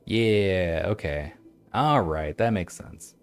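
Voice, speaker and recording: A man streaming a game, chatting and reading old-style text aloud in a halting, stumbling way, laughing at himself. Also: low voice, lively intonation, smooth. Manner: self-mocking, laughs often. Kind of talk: let's-play commentary with reading aloud.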